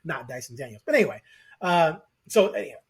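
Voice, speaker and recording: A man's voice: a little high, sing-song, fast talker, gravelly, slightly rough. A man co-hosting a sports podcast in casual chat, rambling and acting out quoted voices.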